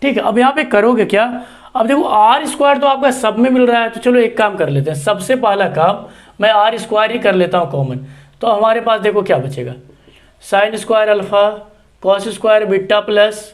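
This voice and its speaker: A man teaching math, explaining a proof step by step. He talks patiently and keeps checking with the students as he goes. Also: high voice. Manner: patient, repeats checks like "see" and "okay".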